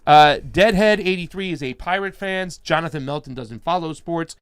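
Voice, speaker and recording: A man with a voice on the high side hosts a live political commentary stream, chatting casually at normal speed and reading viewer comments aloud. The sound is clean with no echo.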